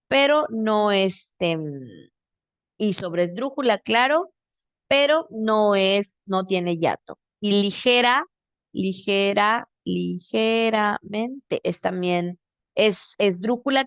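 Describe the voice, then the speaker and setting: A woman's voice: mid-range voice, dry recording. A woman teacher with a Mexican accent giving a grammar lesson over a video call, explaining patiently step by step and checking in with her student.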